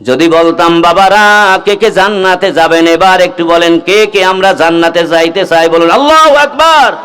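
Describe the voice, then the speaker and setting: Here the Bangladeshi-accented preacher's voice is high-pitched, smooth and a bit bright, moving at a moderate pace. In his waz sermon to a gathering he exhorts listeners to respond, alternating speech with melodic chanting of verses and rhymes.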